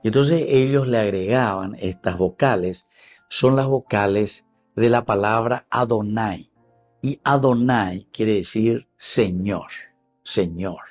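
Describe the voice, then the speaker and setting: A man with a Paraguayan Spanish accent giving a teaching Bible reflection, explaining slowly, repeating key words and addressing his listeners as dear friends. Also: fairly low pitch. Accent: Paraguayan Spanish, mixing in Guarani.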